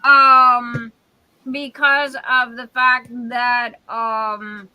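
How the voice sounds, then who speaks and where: A woman in her sixties chats casually on a livestream from her home, rambling from one thought to the next. Her voice sits a little high and sounds bright and sharp. She talks slowly and takes her time. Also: level tone, smooth, poor audio. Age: 60s. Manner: chatty and rambling, often drifting off topic. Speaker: livestream host and craft shop owner.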